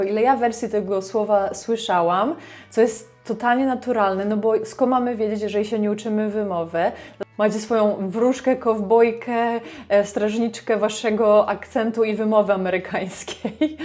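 A woman with a Polish accent teaching English pronunciation, upbeat and encouraging, modeling each word slowly. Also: mid-range voice, a little mellow. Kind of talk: pronunciation lesson, modeling words to repeat.

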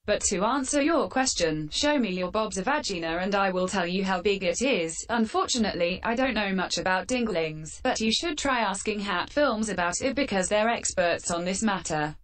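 A woman hosting a fan Q&A with sarcastic, deadpan answers, her voice run through a metallic filter. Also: mid-range voice, normal speed, few pauses, rough recording. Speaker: channel host answering fan questions. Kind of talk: scripted comedic Q&A.

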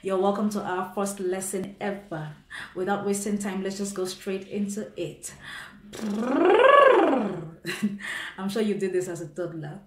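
A woman's voice: mid-range voice, fairly even intonation, moderate pace, darkish tone. A woman giving a friendly, encouraging singing lesson and talking straight to the viewer. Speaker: singing teacher. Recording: echoey room, faint background noise.

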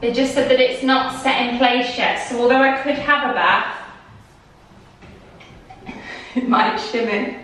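A woman in her twenties giving a chatty, excitable house-tour vlog of her renovated bathroom, filmed on a handheld camera. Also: on the high side, unhurried, long pauses. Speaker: vlogger. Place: empty bathroom under renovation, indoors. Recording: echoey bare room.

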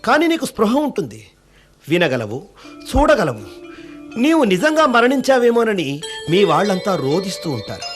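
An actor playing a solemn wise guru who preaches detachment, over music. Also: male voice, high voice, huge pitch swings, moderate pace, long pauses. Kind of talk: devotional drama acting.

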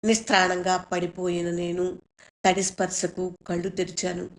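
A woman reading her own short story aloud in a measured, solemn way. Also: on the low side. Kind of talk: story narration.

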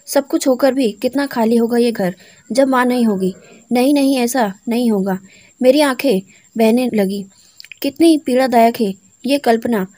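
A woman tells a heartfelt first-person story in a soft, reflective reading voice. Her tone sits a little high. The sound is close and dry, with no room echo. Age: adult, married daughter. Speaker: narrator.

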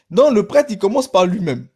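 Animated man reading a story aloud. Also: sits high, husky. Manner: animated, addresses the audience directly. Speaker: teacher reading a story on a live stream. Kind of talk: storytelling read-aloud with asides to viewers.

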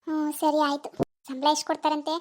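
A woman voicing a teasing young village wife in a cartoon, coaxing and quick. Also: high voice, little pitch movement, a little hiss or hum, close to an everyday voice. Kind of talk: cartoon voice acting.

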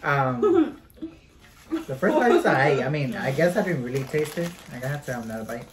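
A man hosting a casual mukbang chat with friends, relaxed and slangy, dropping in Spanish words. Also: mid-range voice, brisk, a little hiss or hum. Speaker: host. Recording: roomy echo.

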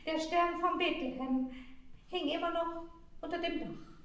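A woman storyteller telling a fairy tale in a slow, deliberate and expressive way, with long pauses. Her voice sits high. It is heard from far off in a very echoey room. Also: dull audio.

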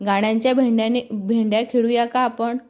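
A woman doing a brisk senior lady colleague. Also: fairly high pitch, fairly even intonation, darkish tone, faint music behind, lightly acted. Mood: cheerful.

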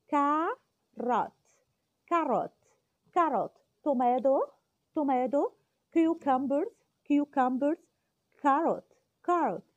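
A woman with an Egyptian accent teaching English words to young children, explaining in Arabic and repeating each word slowly many times. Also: on the high side, darkish tone, slightly rough. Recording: dull lo-fi recording.

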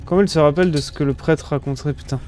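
A man's voice: on the high side, racing, darkish tone, a little hiss or hum. A young man commentating a game casually, swearing and thinking aloud in slang. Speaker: let's play streamer. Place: small room with gaming setup, indoors. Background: game music.

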